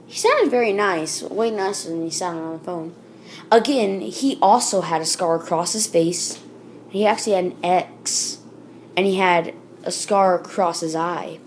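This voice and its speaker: With a fairly low-pitched voice and some faint hiss or hum, a woman storyteller reads a creepypasta aloud in a loose, off-the-cuff way. She uses fillers and corrects herself as she goes.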